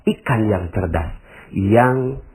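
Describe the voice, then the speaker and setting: A man delivers a motivational religious talk to his audience. His pitch swings widely as he preaches, and he slips into other people's voices to act out what they say. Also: slow, poor audio. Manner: animated, acts out quoted voices, addresses audience directly. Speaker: Islamic preacher.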